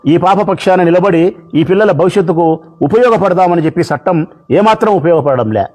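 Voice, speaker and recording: A man's voice: sits high, fairly quick, darkish tone. A man speaking as a politician, addressing the press in an impassioned, repetitive way. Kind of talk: public speech to press.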